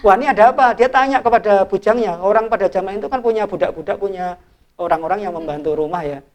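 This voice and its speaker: A middle-aged man, an evangelist, retelling a Bible parable in an informal, animated way as he draws lessons from it. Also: high-pitched, fast talker. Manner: animated storyteller, informal, restarts and fillers. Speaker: evangelist and ministry leader. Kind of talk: sermon-style Bible storytelling in a discussion.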